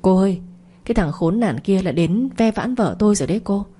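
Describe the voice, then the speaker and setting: A woman's voice: medium pitch, animated, a little fast, warm tone, husky. Woman voicing a whiny self-pitying husband. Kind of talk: audio story reading.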